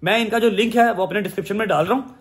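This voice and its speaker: A man's voice: high voice, racing. Teasing man. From Pakistan. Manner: warm, teasing, emphatic. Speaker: vlogger. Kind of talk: casual family vlog talk.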